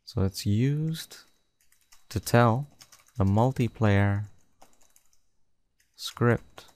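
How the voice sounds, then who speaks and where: A man narrating a screen-recorded coding tutorial, dictating code slowly and step by step. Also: lowish voice, darkish tone, dry recording. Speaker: tutorial host.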